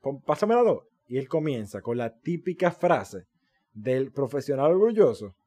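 A young man with a Dominican Spanish accent tells stories in a loose, slangy way on a casual podcast. His pitch jumps up and down as he gets worked up, and he swears freely. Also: normal speed, slightly rough. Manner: animated, slangy storytelling with swearing. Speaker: podcast co-host. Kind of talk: casual chat.

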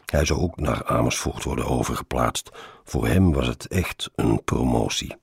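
A man reads a first-person story aloud, wry and sardonic. His voice is extremely low and gravelly, with a strongly husky, breathy grain. The sound is dry and close. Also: normal speed, no echo.

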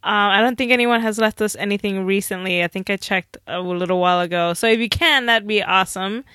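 A woman's voice: medium pitch, brisk, bright, forceful tone, dry recording. A woman co-hosting a podcast, cheerful and giggly in casual chat. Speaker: podcast co-host.

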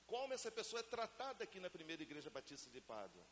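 A man from Brazil preaching a lively sermon to a congregation and asking them to answer him. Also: on the high side, quick pace. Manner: acts out family scenes in everyday voices. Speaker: pastor. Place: church hall. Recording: reverberant church hall, faint hiss.

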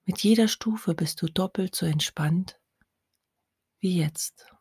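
A woman whispers a guided hypnosis at a very unhurried, drawn-out pace, her low, breathy voice close to the mic. The recording is dry, with no room sound around her. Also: darkish tone, no echo. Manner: slow soothing whisper.

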